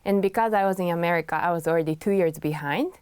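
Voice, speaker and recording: A woman from Japan, speaking as a pianist guest in a conversational interview. She talks in a soft-spoken way, with light laughs. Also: fairly low pitch, fast talker, clean tone, no echo.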